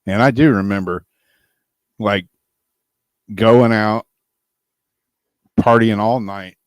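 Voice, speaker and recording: Dude with a really low voice chatting on a podcast, laid back, laughs a lot, dry close sound. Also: male voice, fairly even intonation, takes it slowly, no room sound. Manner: laid-back storyteller, laughs often, trails off quietly. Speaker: podcast co-host. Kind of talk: casual chat.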